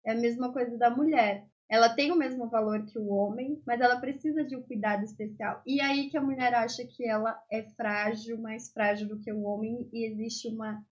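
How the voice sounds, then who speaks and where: A woman's voice: fairly high pitch, fairly even intonation, normal speed, few pauses. A young Brazilian woman hosting a podcast, chatting casually about faith and agreeing with her guest. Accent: Brazilian Portuguese. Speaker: podcast host. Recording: dull lo-fi audio.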